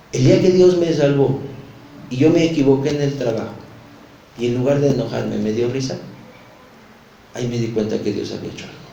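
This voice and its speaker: A man with a Mexican Spanish accent teaches a Bible study, earnest and confessional, speaking straight to the listener. His mid-range voice is gravelly and dark, with a little hiss or hum and a roomy echo.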